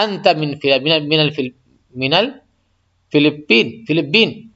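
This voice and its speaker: A man with a high, bright voice teaches an Arabic lesson. He explains each phrase, then repeats it slowly and translates it. The recording is dull and lo-fi. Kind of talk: classroom-style language lesson.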